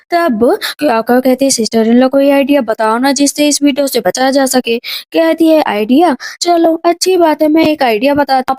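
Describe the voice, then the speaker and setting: High-voiced woman retelling a drama. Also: a little mellow, no echo. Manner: quick narration, briefly voicing each character's lines. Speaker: drama recap narrator. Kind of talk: storytelling drama recap.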